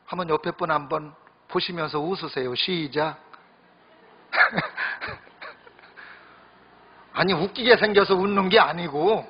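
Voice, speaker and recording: A male pastor gives a sermon in a high, husky voice, chatting and joking with his congregation. The sound carries a long hall reverb. The recording is muffled and lo-fi. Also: takes it slowly, pauses often. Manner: conversational, joking, addresses congregation directly. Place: church sanctuary during worship service. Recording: echoey hall, dull lo-fi sound.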